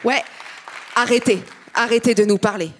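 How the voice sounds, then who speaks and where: A woman's voice: fairly high pitch, steady tone, some chatter behind, a little hiss or hum. A woman doing stand-up, ranting in a blunt, exasperated way. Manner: exasperated, blunt, quick rants. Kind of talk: stand-up comedy.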